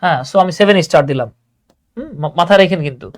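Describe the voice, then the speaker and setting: A young man teaches English grammar in an online class, talking rapid-fire in a high voice with lively intonation. He's chatty and full of little affirmations, repeating "হ্যাঁ" and mixing English terms into his Bengali.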